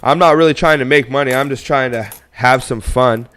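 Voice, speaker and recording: A young man from Canada chats away to his livestream viewers while sorting through coins. His voice is smooth and clear, sitting at an ordinary middle pitch. He talks upbeat and rambling, with plenty of asides. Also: moderate pace, fairly bright tone. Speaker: coin roll hunting livestream host. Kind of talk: casual live-stream chat while sorting coins.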